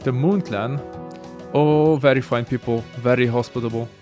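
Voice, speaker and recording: A man's voice: mid-range voice, fairly even intonation, normal speed, darkish tone, faint music behind, close to an everyday voice. A man reading the lines of a pompous ship captain from a video game.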